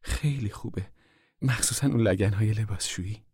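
A man reading an audiobook, voicing a wary, proud migrant mother in a soft, guarded voice. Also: on the low side, husky, dry recording, clean studio sound, pitched above the performer's own voice. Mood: guarded warmth. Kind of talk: audiobook character voice.

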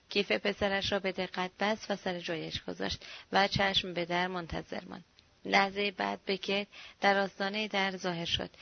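A woman narrating a novel in a measured, steady storytelling voice. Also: medium pitch, vocal fry, no echo. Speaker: audiobook narrator. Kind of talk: scripted narration. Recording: dull, dry lo-fi recording.

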